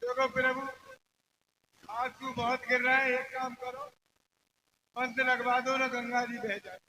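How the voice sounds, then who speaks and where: A man's voice: very high voice, level tone, a little slow, bright, forceful tone, a little hiss or hum, exaggerated voice, rough recording. A man with a playing a simple village farmer, wailing and complaining in a comic, exaggerated way in a folk stage play. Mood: whiny.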